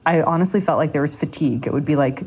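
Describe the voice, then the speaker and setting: A woman with a low-pitched voice gives a conversational panel answer. She speaks as a founder and slips into quoted dialogue as she explains. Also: quick pace, a little mellow, breathy edge. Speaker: startup founder, panel guest.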